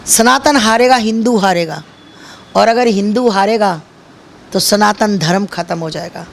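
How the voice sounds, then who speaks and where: A woman speaks with fiery conviction, hammering her points home with repeated, chant-like phrases. Her voice has a gravelly, rough edge and sits at a middling pitch for a woman. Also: unhurried, slight background noise. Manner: fiery, emphatic, repetitive slogans. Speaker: interviewee. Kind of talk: impassioned street interview.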